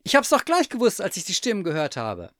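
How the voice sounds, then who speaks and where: A man voicing a fussy, caring middle-aged mother in a storybook reading, high and excitable. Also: moderate pace, gravelly, slightly rough, dry recording, studio quality. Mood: excited.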